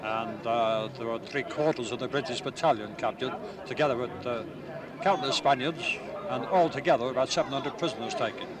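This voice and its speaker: An older man, born in Ireland and raised in England, telling an interviewer about his wartime past in a plain, unhurried way with small hesitations. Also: mid-range voice. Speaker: war veteran interviewee. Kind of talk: recalling memories in an interview. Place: outdoors at a busy city gathering. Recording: distant mic, crowd noise behind.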